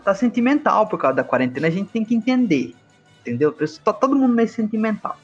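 A husky, somewhat high-voiced young man with a Brazilian Portuguese accent chats on a podcast, slangy and animated as he tells stories. The recording is dull and lo-fi, with faint music underneath. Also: fast talker. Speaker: podcast host. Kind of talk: casual podcast chat.

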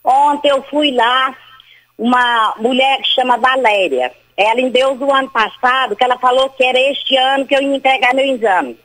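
An older woman phones in to a radio program, her high voice heard through the phone line. She talks in a rambling, insistent way and keeps circling back to the same points. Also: moderate pace, a bit bright. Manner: rambling and insistent, repeats herself. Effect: heard over a phone line. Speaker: caller to a radio show. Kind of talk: call-in complaint.

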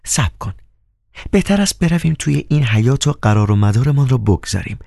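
A man's voice: mid-range voice, lively intonation, creaky, warm tone, no room sound, studio quality, pitched above the performer's own voice. A man voicing a proud, cold young woman with a biting, teasing manner in an audiobook. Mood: cold, haughty. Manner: biting, haughty, coquettish. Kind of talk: audiobook character voice.

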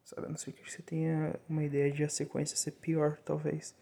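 Hoarse Brazilian man, voice giving out, gravelly. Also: fairly high pitch, completely flat delivery, fairly quick, warm tone. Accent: Brazilian Portuguese. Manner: informal, slangy, digressive. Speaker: podcast host. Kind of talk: casual rambling podcast monologue.

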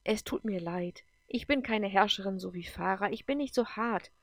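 A woman's voice: mid-range voice, normal speed, no room sound, natural voice. Woman reading an emotional female leader. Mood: pleading. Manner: heated, then apologetic and pleading.

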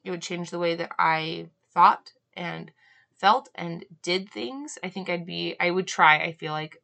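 A young woman talks through her thoughts on a solo podcast, earnest and searching, leaning on "um" and "right?" as she goes. Her voice sits a little low yet has a bright, forceful edge. Now and then she breaks off to cough. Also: unhurried, creaky. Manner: earnest, musing, frequent "um" and "right?". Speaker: podcast host. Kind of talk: reflective solo podcast talk.

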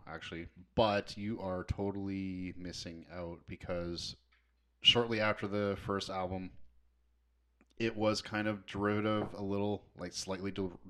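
A man's voice: low voice, fairly bright tone. A man co-hosting a podcast in casual chat, enthusiastic and rambling as he talks. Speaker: podcast co-host.

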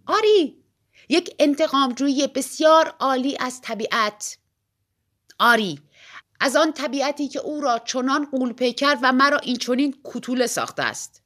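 A woman's voice: sits high, a bit bright, pitched above the performer's own voice. Brief: tiny showy male joker, as a woman reader puts him on, theatrical and mock-grave. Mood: mock-earnest. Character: tiny jesting male engineer, showy and playful.

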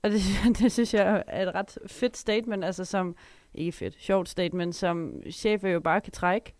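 A woman's voice: mid-range voice, steady tone, darkish tone, no room sound. A woman chatting casually on a podcast, talkative and laughing often.

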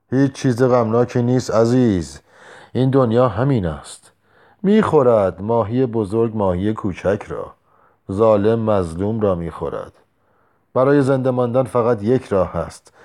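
A man reading the lines of a drunk, war-hardened soldier who talks slowly and heavily. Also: fairly low pitch, darkish tone, lightly acted. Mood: scornful. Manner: slow, heavy-tongued musing.

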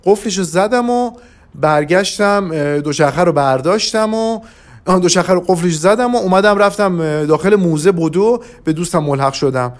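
A man casually telling a first-person travel story for a podcast, rambling with many hesitations and restarts. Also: high voice.

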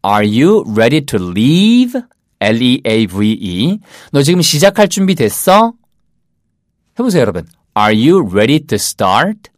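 A man with a Korean accent teaches English casually, his mid-range voice rising and falling in a sing-song way as he coaches listeners. He says short English phrases slowly and rhythmically. The recording is close and dry, with no room sound.

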